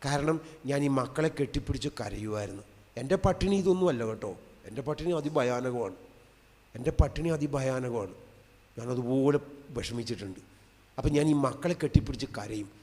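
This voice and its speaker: A man in his fifties, a lay preacher giving an emotional testimony sermon, swinging between loud emphatic cries and soft hushed asides. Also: mid-range voice, animated, normal speed. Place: large convention hall. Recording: long hall reverb.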